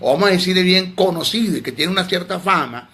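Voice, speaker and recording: A man's voice: sits high, animated, fast, pushed and bright. A man teaching theology in a sermon, emphatic and scolding, often repeating words.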